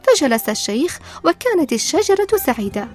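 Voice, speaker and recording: A woman's voice: sits high, sing-song, a little fast. A woman presenter narrating a moral story and explaining its lessons in a scripted, reflective teaching tone. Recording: soft background music.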